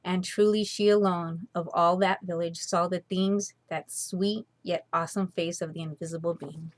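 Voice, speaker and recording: This storyteller, a woman with a fairly low pitch, brings a children's story to life with dramatic, expressive reading and measured phrasing. There's no echo in the sound.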